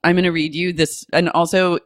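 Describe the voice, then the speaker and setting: A woman's voice: fairly low pitch, flat delivery, fairly quick, no echo. Sardonic woman podcast host, dry sound. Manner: sardonic, swears casually, lots of "like". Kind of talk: casual comedy chat.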